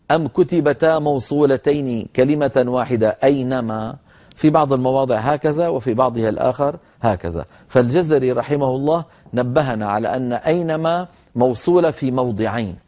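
A man teaching Quran recitation rules in a broadcast lesson. He explains in a measured way, slowly models recited words, and addresses the listeners directly as brothers. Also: medium pitch, warm tone.

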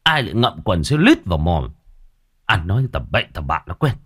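A man voicing a gruff, foul-mouthed old village man who scolds bluntly in a spoken ghost story. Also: low voice, very animated, moderate pace, fairly bright tone, heavily acted. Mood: scolding.

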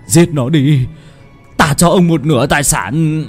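A man's voice: on the high side, unhurried, husky, faint music behind, pitched above the performer's own voice. A man doing a panicked cruel old boss. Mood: desperate.

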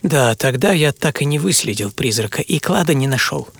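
The author and performer of a radio programme plays an obsessive middle-aged entrepreneur and treasure hunter recalling his boyhood in a dramatic first-person monologue. His medium-pitched, expressive, creaky male voice sounds reflective and theatrical, with pauses and half-whispered phrases. Music plays beneath the studio recording.

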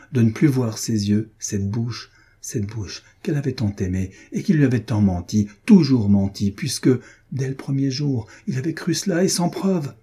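Dark-voiced male audiobook narrator. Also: on the low side, slightly rough. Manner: measured, dramatic literary reading. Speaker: audiobook reader. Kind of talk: scripted narration of a classic novel.

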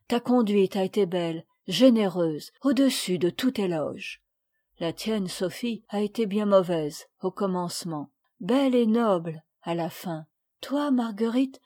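A woman reading the part of a kind, composed noblewoman who speaks calmly and with gentle authority to children. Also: medium pitch, natural voice.

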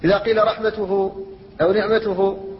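High-voiced man teaching in an echoing hall. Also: level tone. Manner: measured explanatory teaching, slows to recite verses. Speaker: Islamic scholar teaching Quran recitation rules. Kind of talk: classroom lecture with chanted Quran quotes. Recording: dull lo-fi recording in a reverberant hall.

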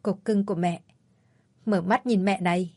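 A woman's voice: mid-range voice, fairly even intonation, moderate pace, a little mellow, dry recording, lightly acted. A woman voicing a frail young mother who pleads in a trembling voice. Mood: tender. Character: young mother, frail and frantic over her newborn.

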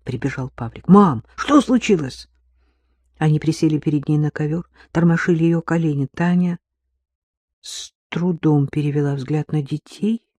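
A woman narrates a literary novel with measured, emotional delivery. Her voice is warm, soft and a little breathy. The recording is close and dry. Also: sits low, steady tone, no room sound. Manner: measured, emotional, slowing on key phrases. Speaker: audiobook narrator.

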